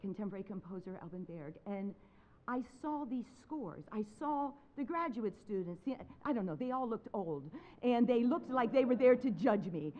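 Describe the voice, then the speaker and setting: A woman pianist giving a public talk from a stage, telling a personal story in a dramatic, animated way. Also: fairly high pitch, moderate pace, muffled recording. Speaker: speaker, concert pianist. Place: stage talk before an audience.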